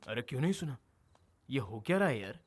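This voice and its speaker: An actor playing a loud, boastful lovesick young man who rants and shouts, in a Hindi film dub. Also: mid-range voice, big pitch swings, brisk, husky. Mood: ranting. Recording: film soundtrack with loud music.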